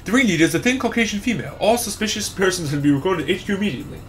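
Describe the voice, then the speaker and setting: A man doing a high, clipped emergency-broadcast announcer reading a bulletin, formal and urgent. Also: lively intonation, very fast, fairly bright tone, a little hiss or hum.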